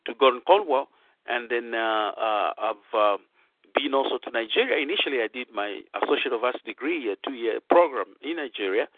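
A man's voice: mid-range voice, no echo. A middle-aged Zambian-born man, a pastor hosting a radio broadcast, talks casually with many fillers and emphatic rises. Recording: tinny phone-line radio broadcast.

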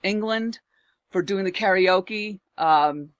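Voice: medium pitch, takes it slowly, dry recording, poor audio. A co-host on a talk radio show, bantering casually and teasing in a gossipy way.

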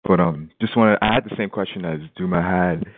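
A radio show caller, a man with a very deep voice, comes through a tinny, phone-like line. He talks softly and haltingly, with a dry, close sound and no room echo. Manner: speaking softly and hesitantly. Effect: caller heard over a phone line. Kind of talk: call-in question on a talk show.

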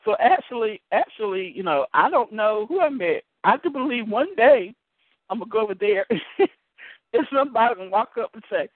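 A male evangelist from the United States hosting a call-in show, telling a caller his testimony in an animated way, stumbling over repeated words and laughing often. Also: high-pitched, moderate pace, no echo. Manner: animated storytelling with many word repeats and laughs. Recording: tinny phone line, dry.

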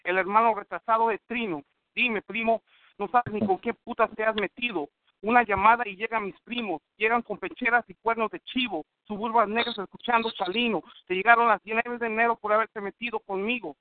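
Guy from northern cali firing off trash-talk rap bars, super high voice, dry phone sound. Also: steady tone, fairly quick, dry recording. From Northern California. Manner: aggressive, boastful insult rhymes. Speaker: battle rapper. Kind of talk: rap battle verses over the phone. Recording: tinny dry phone line.

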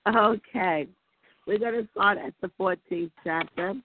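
A man with a cold and a squeaky voice, leading a Bible study over a group call in a friendly way. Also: a little slow, slight background noise. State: has a cold. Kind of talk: casual chat on a group call. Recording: tinny phone line.

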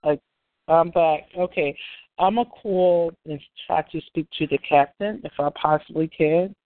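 A woman's voice: sits low, measured pace, no room sound. A woman talking casually and off the cuff as a caller on the phone. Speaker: caller streaming a phone call to listeners. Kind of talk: casual, unscripted phone talk. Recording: thin, phone-like dry sound.

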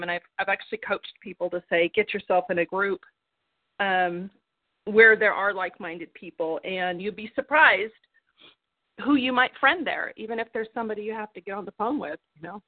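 A woman's voice: mid-range voice, a little fast, no echo. Earnest woman on a tinny phone line. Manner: earnest and heartfelt, spiritual encouragement. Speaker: life coach on a group call. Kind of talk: casual group phone call.

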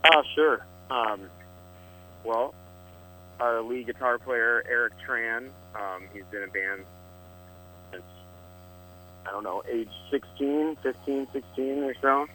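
A man from Iowa calling in over the phone as a band's guest, answering casually with frequent hesitant pauses. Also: mid-range voice, sharp tone, a little hiss or hum, rough recording. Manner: hesitant, many filler pauses. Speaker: band member, phone-in guest.

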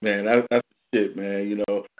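A man's voice: lowish voice, flat delivery, moderate pace, highs cut off. A man hosting a casual call-in show, talking in laid-back, profane slang. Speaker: radio show host.

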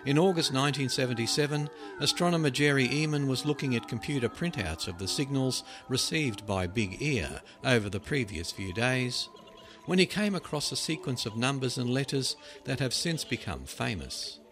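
A man reading written articles aloud as scripted narration, with measured, dramatic phrasing that drops at sentence ends. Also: medium pitch, lively intonation. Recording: loud music behind the voice. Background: music.

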